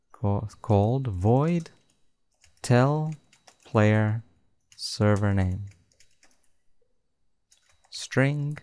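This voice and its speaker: A man narrating a screen-recorded coding tutorial, dictating code slowly and step by step. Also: fairly low pitch, darkish tone, dry recording. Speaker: tutorial host.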